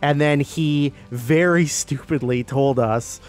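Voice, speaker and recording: A man telling a casual, animated story with a chatty, storytelling manner, acting out what his friends said. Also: fairly high pitch, takes it slowly, soft background music. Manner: animated anecdote with acted quotes of friends.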